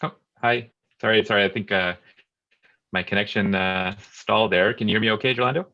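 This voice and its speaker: Deep-voiced guy, doctor on a laggy video call, lots of uhs, muffled sound. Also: fairly even intonation, fairly quick, pushed and bright. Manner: hesitant, with many filler sounds. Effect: unstable video-call connection. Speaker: kidney doctor giving an online talk. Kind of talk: informal educational presentation. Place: hospital. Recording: dull lo-fi online call audio.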